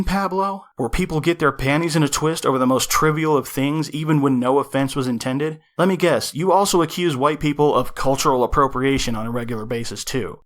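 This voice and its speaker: A man's voice: a little high, a bit bright. Sarcastic lecturing American man. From United States. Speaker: commentary video host. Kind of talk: scripted reaction commentary.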